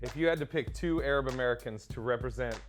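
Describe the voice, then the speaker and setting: A young man co-hosting a casual panel show, asking questions in an easygoing way and quick to laugh along. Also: medium pitch, faint music behind. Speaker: co-host.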